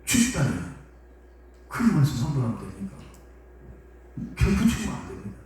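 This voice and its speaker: A preacher acting out an impulsive older disciple, urgent and protesting. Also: male voice, medium pitch, huge pitch swings, normal speed, a little mellow, heavy reverb, far from the mic. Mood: pleading. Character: impulsive older male disciple pleading with his master.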